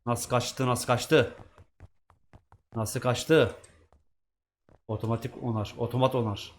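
A man's voice: mid-range voice, level tone, takes it slowly, slight background noise. A man giving casual let's-play commentary, chatting to himself and swearing at the game's characters. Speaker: gaming YouTuber.

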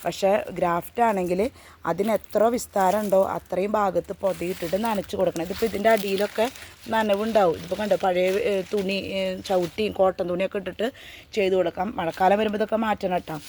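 A woman's voice: mid-range voice, steady tone, fast, darkish tone, a little hiss or hum. A woman speaks outdoors in her home garden, in a casual how-to vlog. She talks earnestly, repeating her warnings and tacking friendly little checks onto her advice. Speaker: gardening vlogger.

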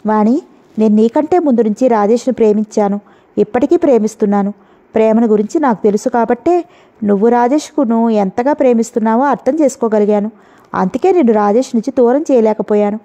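A woman's voice: a little high, fast talker, mellow, close to an everyday voice. A woman voicing a composed woman doctor who pleads earnestly, read in a storybook. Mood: pleading. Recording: dull lo-fi audio.

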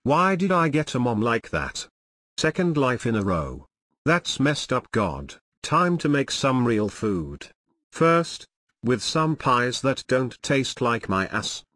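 A man's voice: medium pitch, big pitch swings, takes it slowly, a bit bright. A man giving crude, brash comedic commentary while playing a video game. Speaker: gameplay commentator.

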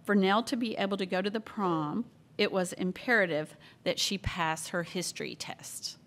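A woman acting as pronouncer at a spelling bee, reading out words, definitions and sample sentences in a measured, plain way. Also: mid-range voice, a bit bright. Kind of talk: announcing words at a public contest.

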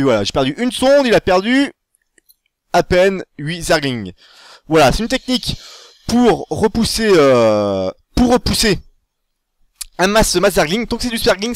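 A man giving a casual tutorial, commentating over his own game. He is chatty and excitable and corrects himself as he goes. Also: high voice, dry recording. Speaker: gaming tutorial host.

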